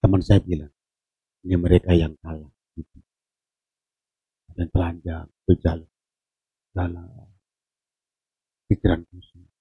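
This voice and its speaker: A man preaching a sermon at a church service, telling stories with jokes and swinging from low murmurs to shouted preaching. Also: little pitch movement, unhurried, pauses often, husky, lo-fi sound. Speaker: pastor.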